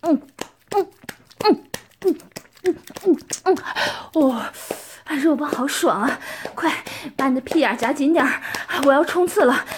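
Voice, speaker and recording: A woman's voice: high-pitched, expressive, unhurried. A woman playing a bossy possessive older schoolmate. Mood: domineering. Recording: noisy recording with clicks.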